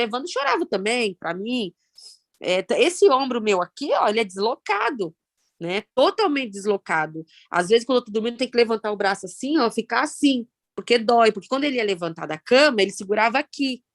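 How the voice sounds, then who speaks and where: A Brazilian woman in her thirties with a Brazilian Portuguese accent, telling her own story of loss in a halting, reflective way with many pauses and fillers. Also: on the high side, no room sound. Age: 30s. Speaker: guest sharing personal story. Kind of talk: emotional personal testimony.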